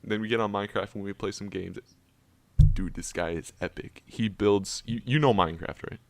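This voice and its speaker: A man's voice: fairly low pitch, normal speed, creaky. Swearing young man rambling. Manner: rambling, swears a lot, acts out friends' voices. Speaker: podcast co-host. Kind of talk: casual chat.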